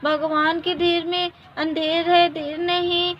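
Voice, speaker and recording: A woman voicing a kindly old male holy man who gives slow, soothing, fatherly advice. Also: very high-pitched, flat delivery, a bit bright, a little hiss or hum, full character voice. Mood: gentle. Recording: dull lo-fi recording.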